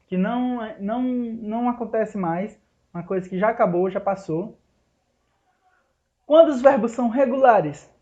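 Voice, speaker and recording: A man teaching an English lesson in Portuguese, explaining each rule step by step and slowing down to spell out the English examples. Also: sits high, a little mellow. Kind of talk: recorded online lesson. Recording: dull lo-fi recording.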